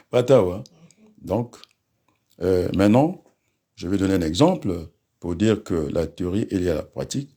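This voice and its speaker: A man's voice: low-pitched, animated, measured pace, long pauses, warm tone, slightly rough. A man giving a combative political rant, addressing listeners and rivals directly with frequent asides. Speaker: political commentator.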